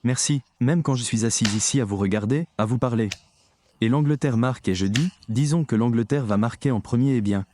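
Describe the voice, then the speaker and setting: A man's voice: medium pitch, a little fast, a little mellow, a little hiss or hum. A man preaching a sermon, talking emphatically and straight to his audience. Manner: emphatic, addresses the audience directly.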